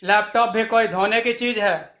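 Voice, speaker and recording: A man's voice: high-pitched, moderate pace, pushed and bright. A man voicing an exasperated older mother-in-law in a storybook tale, scolding her daughter-in-law. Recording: echoey room.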